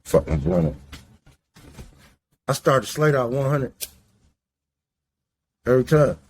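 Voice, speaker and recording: A man's voice: mid-range voice, big pitch swings, slow pace, breathy edge. A man in his late forties from the Midwest, hosting a podcast in a loose, rambling, profane way while he smokes indoors. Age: 40s. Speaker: podcast host. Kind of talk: casual monologue. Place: indoors, smoking while talking.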